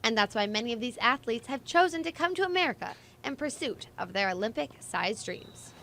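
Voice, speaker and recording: Brief: young woman, student TV reporter, high voice, scripted news read, faint background hum. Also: lively intonation, fairly quick, pushed and bright.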